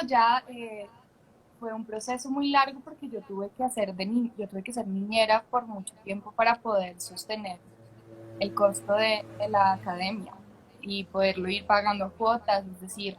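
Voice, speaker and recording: Over a video call, a young Colombian guest actress with a Colombian accent talks candidly in a casual interview, laughing often and restarting frequently in her chatty manner. Her voice is mid-range. The recording is rough, with slight background noise.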